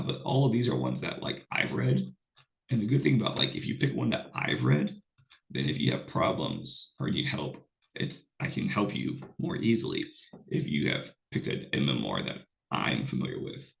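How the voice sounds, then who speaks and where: Sounding off because he's unwell, a male college English instructor rambles through a casual recorded online lecture, full of fillers and restarts. He has a gravelly bass voice.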